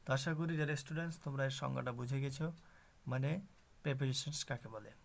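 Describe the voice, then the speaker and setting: A man's voice: mid-range voice, steady tone, quick pace, creaky. A man teaching an English grammar lesson to students, explaining step by step and asking rhetorical questions.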